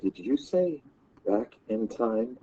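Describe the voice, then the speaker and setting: A man reading aloud in a classroom story lesson, voicing an excitable young boy who asks lots of questions. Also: medium pitch, slow, highs cut off.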